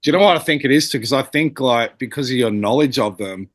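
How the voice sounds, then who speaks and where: A man's voice: medium pitch, fast, a bit bright, no room sound, studio quality. A man in a casual group chat, laid-back and easygoing.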